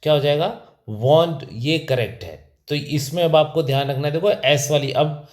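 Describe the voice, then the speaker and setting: A man's voice: a little high, moderate pace. Man teaching pronunciation in an echoey room. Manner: repeats questions and answers them himself. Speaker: English teacher. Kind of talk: spoken lesson.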